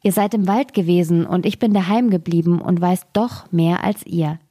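A woman voicing a gentle, protective young boy, the youngest brother in a fairy tale, in an earnest storybook voice. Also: fairly low pitch, normal speed, no room sound, clean studio sound, lightly acted. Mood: teasing.

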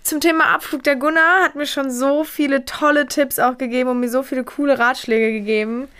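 A woman's voice: sits high, steady tone, a little fast, fairly bright tone. A young adult woman co-hosting a podcast in casual chat, with dry, teasing comebacks. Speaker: podcast co-host.

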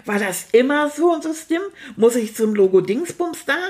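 A woman's voice: a little high, lively intonation, moderate pace, lightly acted. A woman voicing a chatty, boastful male plush rat with felt teeth and a lisp, talking to children in a puppet show. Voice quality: lisping. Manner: cheerful, talkative, addresses kids directly.

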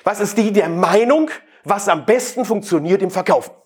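A man's voice: high-pitched, animated, moderate pace, darkish tone, husky. A man giving a live sales talk, questioning the audience and provoking them. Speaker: sales speaker.

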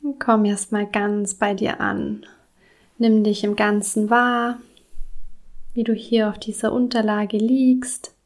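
A woman guiding a body scan meditation, speaking softly and soothingly, with some words in a breathy whisper. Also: mid-range voice, level tone, slow pace. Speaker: meditation guide.

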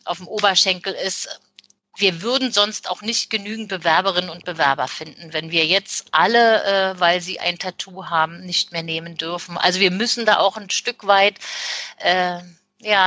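A woman speaking as a police official, measured and halting, full of fillers and short pauses. Her voice is bright and forceful. The recording is dry and close. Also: lowish voice, no echo. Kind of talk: interview answers.

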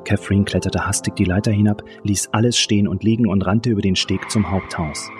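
Low-ish guy reading a tense thriller, music running behind. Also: fairly even intonation, fairly quick. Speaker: audiobook narrator. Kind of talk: scripted narration. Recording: narration over music.

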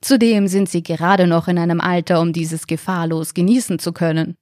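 A woman's voice: lowish voice, fairly even intonation, moderate pace, a little mellow, no room sound, clean studio sound, close to an everyday voice. A woman voicing a condescending, overly polite male robot shop assistant in a story podcast. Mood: smugly polite.

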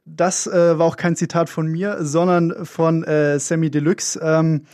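A man's voice: fairly high pitch, little pitch movement, a little slow, darkish tone, no echo, clean studio sound. A young man co-hosting a casual radio show, talking with many fillers and a wry, self-mocking manner. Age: young adult. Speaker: radio co-host.

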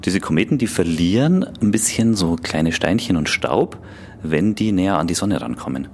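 A man's voice: low voice, big pitch swings, normal speed, a little hiss or hum. A man speaking as an expert guest, explaining science simply and conversationally for children.

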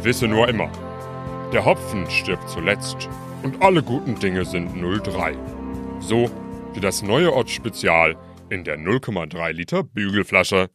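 An actor playing a calm, knowing male beer buddy in a radio ad, consoling his friend with puns. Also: sits low, unhurried. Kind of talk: radio ad dialogue. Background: music.

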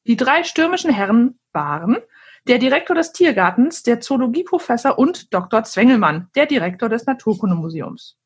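Husky-voiced woman reading a children's book. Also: on the high side. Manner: lively storytelling with asides to listeners. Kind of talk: reading aloud, then casual chat.

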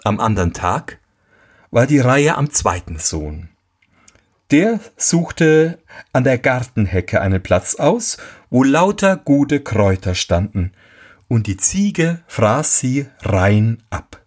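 A storyteller reading a fairy tale aloud with calm, lively narration. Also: medium pitch, takes it slowly.

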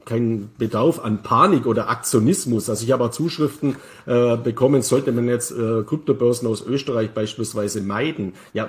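A man hosting a crypto finance talk, explaining tax rules in a measured way with frequent fillers and restarts. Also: medium pitch. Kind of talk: casual discussion commentary.

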